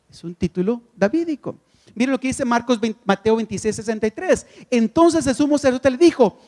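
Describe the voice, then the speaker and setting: A man's voice: high voice, a little mellow, long reverb tail. A man giving a Bible lecture at a conference, emphatic, asking the audience questions and answering them himself. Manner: emphatic, repeats key phrases. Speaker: conference speaker.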